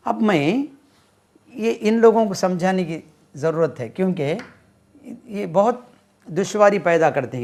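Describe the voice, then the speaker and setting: Slow-paced man teaching English. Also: a little high, a little mellow. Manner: slow, repeats words and spells them out while writing. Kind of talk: classroom-style lesson explaining grammar.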